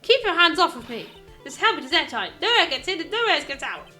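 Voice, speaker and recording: A bossy old battleaxe of a guard in a courtroom video game, as a woman plays her. She scolds and rants loudly in a raised, shrill voice, quick to take offense. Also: very animated, soft background music, heavily acted. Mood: scolding. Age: older. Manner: loud, shrill, scolding rant. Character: cranky, lovestruck old female security guard.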